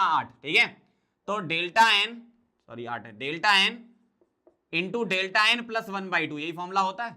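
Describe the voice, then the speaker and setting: A male chemistry tutor, teaching an exam-prep lecture. His voice is slightly high and very bright and sharp. He drills the material quickly, asking questions and answering them himself.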